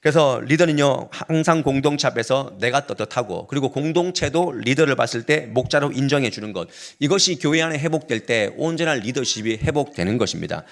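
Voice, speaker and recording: A man, a pastor, preaching a sermon to his congregation in an explanatory way and putting questions to the listeners. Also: mid-range voice.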